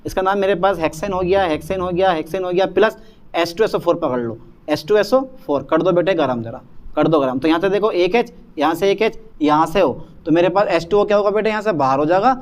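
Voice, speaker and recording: A man teaching a chemistry lecture, repeating key terms and quizzing students with quick questions. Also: high-pitched. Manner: repetitive call-and-response questioning; calls students "beta" and "bhaiya". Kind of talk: classroom lecture.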